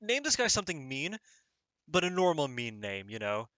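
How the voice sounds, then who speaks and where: A man's voice: on the high side, very animated, moderate pace, pushed and bright, no room sound, low-quality recording. A man hosting his own gaming channel, chatting casually over play in an earnest, meandering way with many restarts, on a cheap microphone. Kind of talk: casual let's-play commentary.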